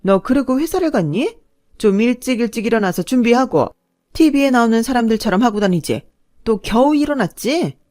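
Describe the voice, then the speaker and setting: A shrill, fussy mother-in-law, as a woman narrator puts her on, her voice jumping up high. She speaks in an exaggerated, mocking manner, like a spoken family drama. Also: animated, normal speed, a little mellow, natural voice. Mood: nagging.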